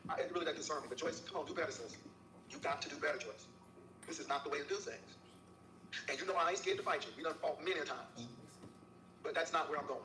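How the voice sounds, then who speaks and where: A man delivering a heated, preachy monologue to a rival, scolding her and repeating her name. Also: a little high. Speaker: YouTuber in a clip. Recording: echoey room, far from the mic, faint hiss.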